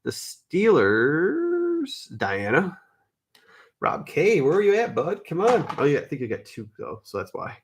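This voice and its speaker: A man's voice: fairly high pitch, big pitch swings, normal speed, slight background noise. A man hosting a live card break, chatting casually, calling viewers by name and fixing his own mix-ups.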